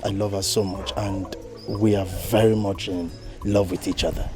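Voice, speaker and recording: An actor playing a polite, eager young suitor, respectful and grateful. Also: male voice, low voice, steady tone, normal speed, over music, natural voice.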